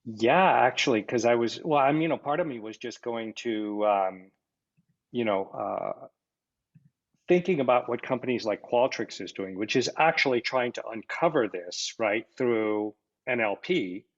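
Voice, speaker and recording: A man's voice: mid-range voice, measured pace. A man hosting a podcast interview, asking questions hesitantly with many fillers and false starts. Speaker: podcast host. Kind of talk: conversational interview. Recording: dull lo-fi audio.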